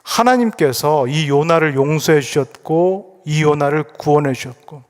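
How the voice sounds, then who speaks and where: A man's voice: fairly high pitch, normal speed. A male pastor preaching a sermon, asking rhetorical questions and repeating phrases for emphasis. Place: church sanctuary. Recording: echoey church hall.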